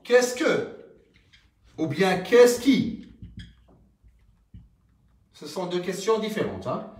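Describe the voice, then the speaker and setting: A man teaching a French grammar lesson, explaining slowly and haltingly with many fillers and frequent checks like "d'accord?". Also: high-pitched, big pitch swings, darkish tone. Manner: slow, halting explanation with many fillers and rising question tags. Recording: roomy, from some distance.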